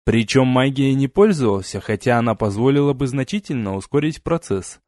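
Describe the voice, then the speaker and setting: A man narrating a first-person fantasy audiobook in a steady, even storytelling manner, recorded at home. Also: medium pitch, a little fast, no room sound, studio quality. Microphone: home studio mic.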